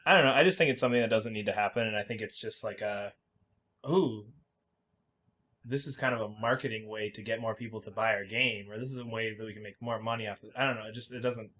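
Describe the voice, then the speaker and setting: This podcast co-host has a fairly bright voice on the low side and speaks quickly. Casual and conversational, he pushes his views hard, sounding opinionated and ready to argue.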